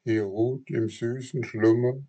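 A man's voice: mid-range voice, steady tone, slow pace, dark tone, voice pushed up. A man voicing a remorseful, eager wooden puppet boy in a read-aloud storybook, raising his voice when he pleads. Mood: pleading.

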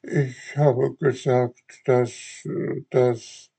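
An eager, remorseful wooden puppet boy from a storybook, as a man reading aloud puts him on. The voice is pitched up and pleading, with a husky, dark grain underneath. He is earnest and a little whiny. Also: slow.

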